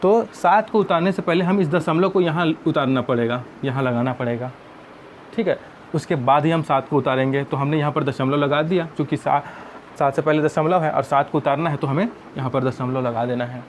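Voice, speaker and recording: A man's voice: on the high side, brisk, a little hiss or hum. A man teaching math, explaining each step patiently and often calling viewers friends.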